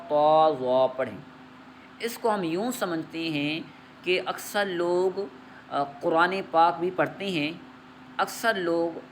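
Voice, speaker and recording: A man teaching a Quran reading lesson, opening with slow measured recitation and then patiently explaining the letters, repeating each point. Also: a little high, fairly bright tone, slight background noise.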